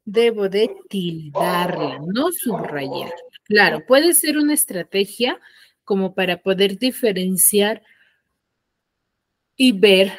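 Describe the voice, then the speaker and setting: An animated woman with a mid-range voice teaches secondary school language students over a video call on her computer mic. She's patient and clear in her explanations, regularly dropping in short questions to confirm everyone is keeping up.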